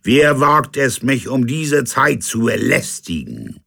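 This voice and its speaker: A man's voice: medium pitch, huge pitch swings, takes it slowly, vocal fry, pushed and bright, slightly rough, voice pushed up, heavily acted. A man voicing a drunken, hysterical old sea captain in a storybook, wailing theatrical outbursts. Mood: overwrought.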